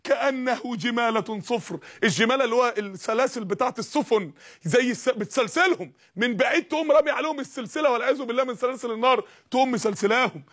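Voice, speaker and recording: A man with an Egyptian Arabic accent preaching a fiery sermon, firing rhetorical questions and rising to shouts. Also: extremely high pitch.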